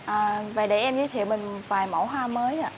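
A woman's voice: medium pitch, fast, noisy background, natural voice. A woman playing a courteous shop clerk who helps a customer choose flowers. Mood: polite. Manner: courteous, deferential. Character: polite young female flower seller. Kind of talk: web sitcom acting. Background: loud music.

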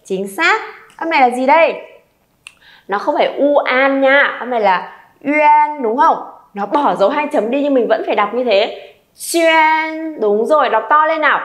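A woman's voice: sits high, animated, moderate pace. A Vietnamese woman teaching a language class, leading students through pronunciation drills and encouraging them to repeat aloud. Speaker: Chinese teacher.

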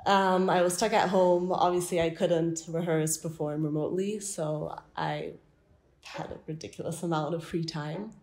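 A young woman from France, an artist guest, answering interview questions in a relaxed storytelling way in an art gallery. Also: on the low side, moderate pace. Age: young adult. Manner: relaxed storytelling with light laughs.

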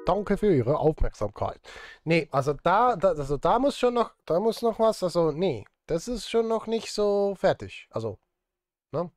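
Here a man streams from a small indoor room, a composer making music and bantering playfully with chat and himself as he works. The voice is high and very animated, at normal speed, on a dry recording.

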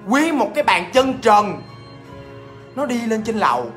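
A man telling a ghost story in a chatty, animated way, talking straight to his listeners. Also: high voice, measured pace, over music.

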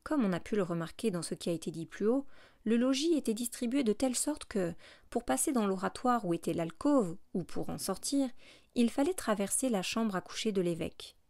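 A woman reading a classic novel aloud as an audiobook narrator, in a steady, measured way. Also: mid-range voice, dry recording, studio quality.

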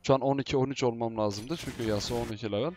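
A man giving live commentary as he plays a game, excitable and teasing, often shouting at teammates. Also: medium pitch, fast talker, slight background noise. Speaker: gaming YouTuber.

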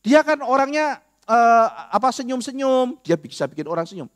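Man with a high voice, chatty lecturer who keeps checking in with the class. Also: normal speed. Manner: animated, conversational, addresses listeners directly. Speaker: apologetics lecturer.

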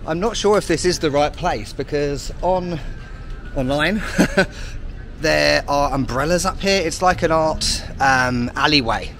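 This British travel vlogger strolls through city streets outdoors, offering chatty, wry commentary peppered with self-deprecating asides. His voice is a little high and fairly bright, and he speaks at a measured pace. Faint street and traffic noise sits in the background.

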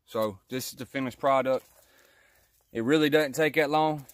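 A man's voice: medium pitch, moderate pace, dry recording. A man talking casually to his viewers beside his car after an install, still a little out of breath, chatty and laid-back. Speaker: car vlogger. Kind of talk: casual how-to vlog outro.

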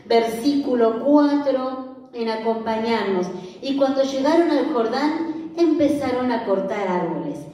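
A woman's voice: on the high side, expressive, a little slow, dark tone, far from the mic. Argentine woman preaching in an echoey room. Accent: Rioplatense Spanish. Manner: conversational, asks the audience questions. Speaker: pastor. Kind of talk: sermon.

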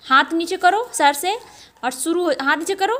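Strict high-voiced woman teacher giving orders. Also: normal speed, fairly bright tone. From Jharkhand, India. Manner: strict, commanding, gives short orders. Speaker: tuition teacher. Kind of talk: classroom instruction to children. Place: small home tuition class indoors.

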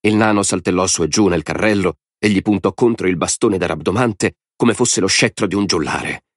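A man narrating an audiobook in a dramatic, expressive storytelling style. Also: low voice, moderate pace, no echo, studio quality.

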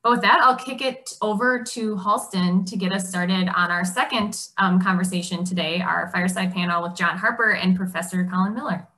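A woman's voice: on the low side, fairly even intonation, moderate pace, hardly any pauses, bright, forceful tone. A woman hosting an online forum on a video call, thanking a guest and handing over to the next session. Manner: friendly, handing off to speakers. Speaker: forum host. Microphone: webcam on a video call.

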